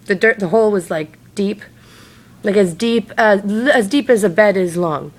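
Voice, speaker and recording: Woman with a creaky, fry-heavy voice for informal to-camera rambling; hazy, drifting recounting, loose slang and swearing. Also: mid-range voice, normal speed. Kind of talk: casual rambling personal talk to camera.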